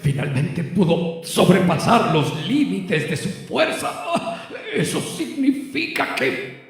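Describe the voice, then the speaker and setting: A man voicing a proud, dying cartoon alien warrior, strained, halting and weak, with a very echoey sound. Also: high voice, sing-song, gravelly, voice pushed up, full character voice. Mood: agonized awe. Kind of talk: cartoon dub parody.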